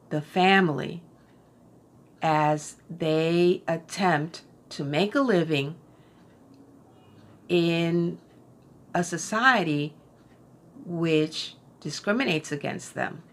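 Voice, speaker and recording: A middle-aged woman giving a casual book review, thoughtful and unhurried, with frequent fillers and restarts. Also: low-pitched. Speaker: book vlogger.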